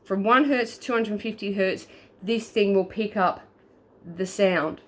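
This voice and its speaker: A woman's voice: medium pitch, unhurried, a bit bright. A woman, a paranormal investigator, explaining a gadget step by step in a casual video recorded on her phone, often checking in with "okay?". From Australia. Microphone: phone, front camera.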